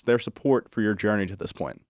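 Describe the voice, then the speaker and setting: A young man, a college student, hosting an interview podcast in a relaxed, conversational way. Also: on the low side, dry recording, studio quality. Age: young adult. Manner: fast, easy, conversational. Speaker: podcast host, college announcer.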